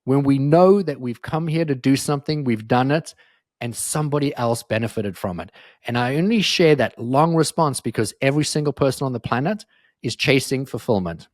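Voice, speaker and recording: A man's voice: mid-range voice, animated, normal speed, no echo, clean studio sound. A middle-aged man talking as a podcast guest, telling motivational stories in an earnest, emphatic way. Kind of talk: motivational interview talk.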